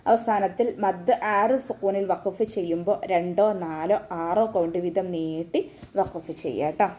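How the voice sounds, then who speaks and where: A woman's voice: on the low side, moderate pace, warm tone, a little hiss or hum. A woman teaching an online recitation class, explaining pronunciation rules step by step in a patient voice.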